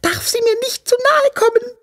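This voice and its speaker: A very high, whiny little boy king. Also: fairly even intonation, normal speed, a little hiss or hum. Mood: fretful. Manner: sighs, whines and giggles. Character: small boy king, whiny, fretful and playful. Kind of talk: cartoon voice acting.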